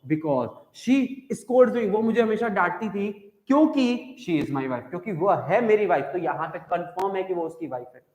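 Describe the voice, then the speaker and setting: A high-pitched man with an Indian accent teaches English grammar to an online class, repeating each point and checking whether students follow. His voice rings in an echoey room with a long reverb. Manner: explains by repeating and asking the class questions. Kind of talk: live online class in Hindi-English mix.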